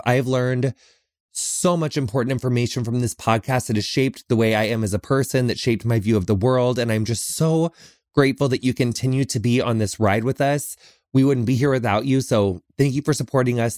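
A man's voice: mid-range voice, a little mellow, dry recording, studio quality. A man hosting a podcast in a chatty, effusive, campy and slangy way, recording in a small closet lined with clothes. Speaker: podcast host. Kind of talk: casual, chatty monologue answering listener questions. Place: small carpeted closet full of clothes, sound absorbed.

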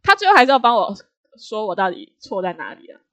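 A young woman casually telling a story about work, animated, laughing often and acting out what others said. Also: mid-range voice, fast talker, highs cut off. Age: young adult.

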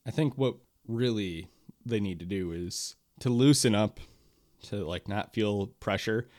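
A man with a lowish voice hosting a sports chat. He asks questions and steers the talk, and his sound is dry and close. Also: measured pace, a little mellow, no room sound. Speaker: podcast host.

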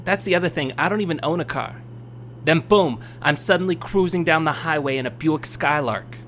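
Casting: actor for bewildered everyman traveler, radio play, wry and rambling, slightly high pitch, light background hum. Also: fairly quick, a bit bright, lightly acted. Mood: puzzled. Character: wisecracking, bewildered male traveler, newly dead. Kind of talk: scripted audio drama acting. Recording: faint hum behind voice.

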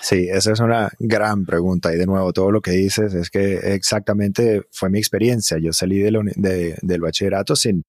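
A man from Venezuela with a very low voice speaks as an interview guest. He tells his story in a calm, reflective way, pausing with small fillers. The sound is close and dry, with no room echo. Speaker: guest, psychedelic facilitator. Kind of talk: conversational interview.

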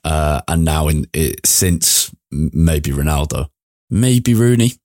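A man hosting a casual football podcast, talking in a relaxed, rambling way with frequent restarts. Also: very deep voice, slow, dry recording, clean studio sound. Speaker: podcast host. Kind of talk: casual chat.

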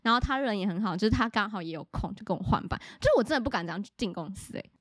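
Fast-talking young woman, dry sound. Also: mid-range voice, lively intonation, no echo. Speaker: podcast co-host. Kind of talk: casual chat.

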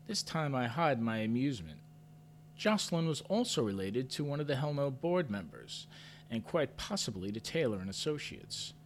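A man narrating an audio drama in first person, mid-pitched, with a pitch that swings widely and expressively. His delivery is measured and understated, with a faint hum underneath. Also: very animated. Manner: measured and understated, lifts sharply in his own character's questions.

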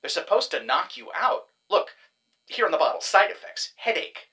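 In an audio drama, an actor voices a glib, smug man who kidnaps clients for a death-faking service and pitches it like a salesman. His full character voice is very animated, pushed and bright, moving at a moderate pace, chatty and pleased with himself.

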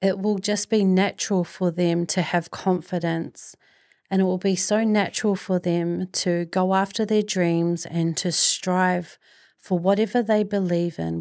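A middle-aged woman delivers a motivational podcast monologue. She takes her time, phrasing each thought deliberately and earnestly. Her voice sits a little low and is recorded dry and close, with very little room sound. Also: mellow, no room sound. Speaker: podcast host.

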